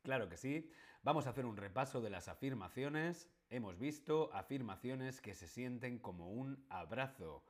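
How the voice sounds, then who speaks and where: A man, teaching a live online language lesson and slowly repeating phrases for learners. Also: mid-range voice, animated. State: sore throat, coughing.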